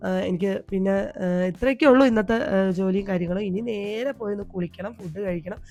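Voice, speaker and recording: Hoarse chatty Malayali woman vlogger. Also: mid-range voice, fast, soft background music. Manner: chatty, homely, tags sentences with a soft "ട്ടോ". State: hoarse, sick with a cold. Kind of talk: home vlog voice-over. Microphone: voice-over recorded at home.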